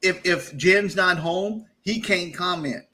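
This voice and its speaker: A man hosting a casual live-stream chat, loud and animated, laughing often and rambling through shout-outs. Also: high voice, slow pace, slightly rough. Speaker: podcast host.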